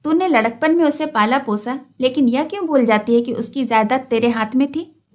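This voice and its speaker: A woman reading as an officious village record-keeper laying down the law. The voice is high and matter-of-fact in this read-aloud tale. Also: normal speed, lightly acted. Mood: lecturing.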